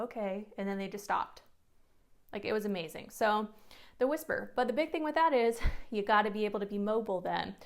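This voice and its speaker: A woman music teacher talking casually to camera about classroom management, chatty and full of fillers, acting out what she says to students. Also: mid-range voice. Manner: chatty, lots of "like", acts out classroom dialogue.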